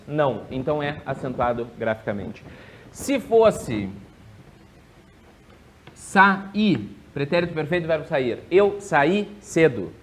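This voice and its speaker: A man teaching a grammar lesson for an exam, drilling rules with quick yes-or-no questions and drawing out key words slowly. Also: on the high side.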